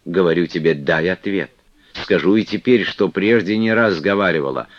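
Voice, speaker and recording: A man's voice: low-pitched, no room sound, voice pushed up. Guy voicing a solemn old nun abbess, stern but tender, raised voice, dull dry recording. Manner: solemn, measured, archaic speech. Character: stern, loving elderly woman abbess.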